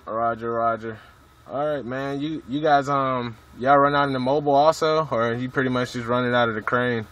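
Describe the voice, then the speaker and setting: Sitting in a vehicle at a truck stop, a man chats casually on CB radio while filming it, swearing and using plenty of slang and jargon. His voice is mid-range, steady and moderately paced, captured on a noisy mobile recording.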